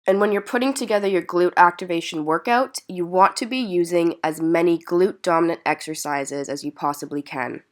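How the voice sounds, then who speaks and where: A fitness vlogger whose voice is slightly stuffy and congested from being sick narrates exercise instructions encouragingly and explanatorily. She speaks fairly quickly with a fairly low pitch and few pauses in this instructional workout voice-over.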